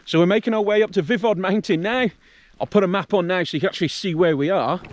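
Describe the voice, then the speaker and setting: A man with a fairly high voice talks in a matey, jokey, sweary way, like a camping vlogger addressing his followers. He is out on a windy hillside, with clear wind and outdoor noise around his casual chat. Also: fast.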